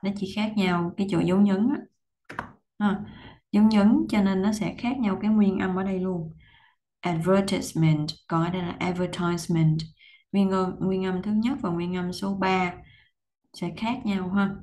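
A woman teaching pronunciation, patiently explaining step by step and slowly repeating words to demonstrate them. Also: medium pitch, steady tone, warm tone.

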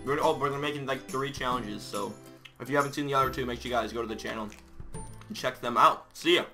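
A man's voice: medium pitch, fast talker, vocal fry, pushed and bright, soft background music. A young man hosting a video in a casual, chatty vlog style. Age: teens or young adult. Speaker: video host. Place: small bedroom indoors.

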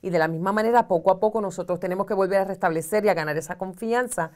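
Her medium-pitched voice is darkish in tone and rapid-fire. This middle-aged social communicator, a guest in an armchair on a studio advice talk show, gives earnest, conversational counsel and gestures widely as she explains.

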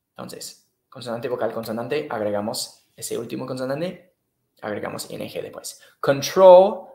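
A man's voice: medium pitch, vocal fry, dark tone, echoey room. A man teaching English in a live online class, patiently repeating and checking in with the students. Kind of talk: live-streamed online lesson.

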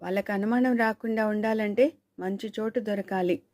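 A woman's voice: mid-range voice, fairly even intonation, moderate pace, a little mellow, close to an everyday voice. A woman reading the lines of a cautious, uneasy learned man who scolds his companion in anxious tones in a storybook thriller.

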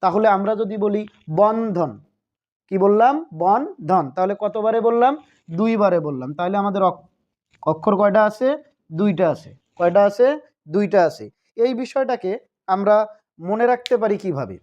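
High-voiced man teaching, lo-fi sound. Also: moderate pace, long pauses. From Bangladesh. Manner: asks questions and answers them himself, repeats key points. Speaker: Bangla grammar teacher. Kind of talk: recorded video lesson. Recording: dull lo-fi recording.

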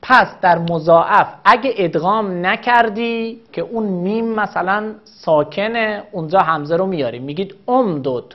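Patient woman teaching grammar, lo-fi sound. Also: mid-range voice. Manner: patient, methodical, repeats examples slowly. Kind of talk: recorded grammar lesson.

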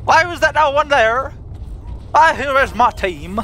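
A man's voice: very high voice, expressive, unhurried, bright, forceful tone, slight background noise. A man giving casual, profane gameplay commentary while hamming a mock foreign accent. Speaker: gamer YouTuber. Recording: game music behind.

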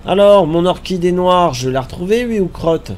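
Here the streamer's voice sits high and moves at a moderate pace while he plays a survival game live. He's slightly stuffy-nosed, easygoing and talkative, musing out loud and repeating himself.

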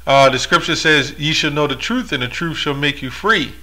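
A man's voice: a little high, moderate pace, sharp tone. A man reading Bible verses aloud and explaining them in a monologue, with rhetorical asides. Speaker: religious commentator.

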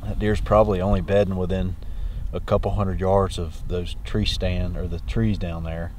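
A man in his thirties hosts a casual hunting vlog, talking folksily and using hunting slang, outdoors in open country and inside a vehicle cab. His voice is low and somewhat dark, with a level tone at normal speed, over noisy outdoor and vehicle ambience.

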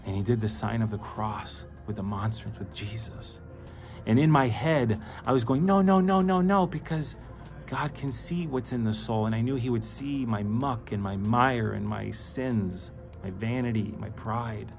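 A man's voice: on the low side, measured pace, creaky, faint music behind. A middle-aged man giving a fervent, emphatic personal testimony that turns into pleading exhortation. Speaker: speaker giving a faith testimony.

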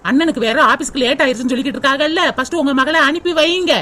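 Fast high-pitched snarky cartoon daughter-in-law. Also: female voice, pushed and bright, slight background noise. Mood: sarcastic. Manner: sarcastic, complaining. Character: sharp-tongued grumbling daughter-in-law.

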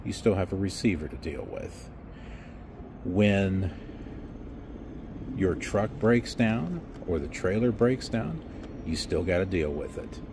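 A middle-aged trucking vlogger stands outdoors beside a block wall, holding his phone at arm's length and ranting casually. His voice sits low, and he rambles sarcastically with plenty of fillers over background noise.

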